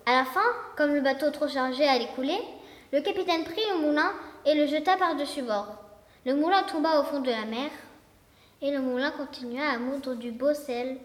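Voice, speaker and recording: High-voiced woman reading a fairy tale. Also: normal speed. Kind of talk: storybook narration. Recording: echoey room with long reverb.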